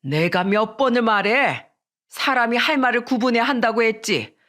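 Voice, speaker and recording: A woman's voice: a little high, normal speed, fairly bright tone, lightly acted. A woman reading the part of a stern elderly mother-in-law who scolds and commands her family. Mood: scolding.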